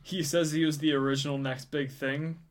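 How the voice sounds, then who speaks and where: A man co-hosting a relaxed wrestling podcast, dropping in dry jokes and side comments. His voice sits a little higher than most men's. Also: brisk. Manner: wry, joking asides. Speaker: podcast co-host. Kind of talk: casual wrestling recap chat.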